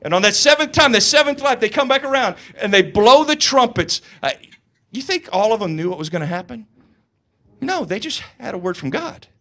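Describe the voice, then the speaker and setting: Male pastor, sermon, high voice, lively storytelling, joking asides. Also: brisk. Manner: animated, conversational storytelling with humor.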